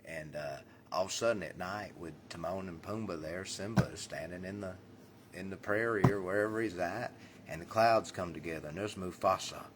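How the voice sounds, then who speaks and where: Man, very low voice, loose spiritual vlog rant, blunt and jokey, loud then mumbling, faint background hiss. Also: brisk. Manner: swings between loud bursts and mumbled asides. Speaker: spiritual vlogger. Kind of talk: rambling spiritual monologue.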